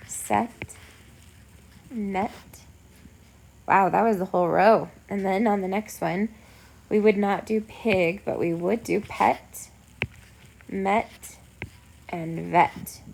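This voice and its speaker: A woman's voice: medium pitch, rough recording. A woman teacher guiding young children step by step through a lesson in simple, encouraging words, like a kids' show host. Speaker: elementary school teacher. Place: at home. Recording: clear background noise with clicks.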